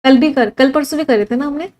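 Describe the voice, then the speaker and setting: A woman's voice: high-pitched, a little fast, darkish tone, low-quality recording. Indian woman teaching English vocabulary. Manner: lists words one by one, quizzes students. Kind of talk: online vocabulary lesson.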